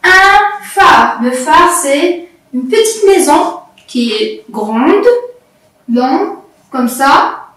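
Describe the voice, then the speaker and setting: A primary school French teacher with a high voice patiently teaches young pupils to read, repeating and spelling out letters and syllables. This slow classroom video lesson was recorded in an echoey room, with her voice far from the mic.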